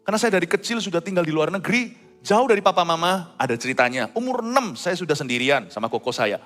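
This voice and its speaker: A middle-aged man preaching a sermon, swinging between loud high exclamations and hushed low asides. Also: lively intonation, fast talker, long reverb tail, faint music behind. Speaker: pastor.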